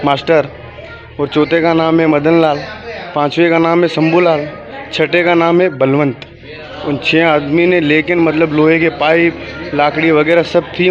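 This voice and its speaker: A man recounting being attacked, telling a reporter in halting, repetitive speech with many restarts. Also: on the high side, muffled recording. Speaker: victim giving a statement. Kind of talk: on-the-spot account to a reporter.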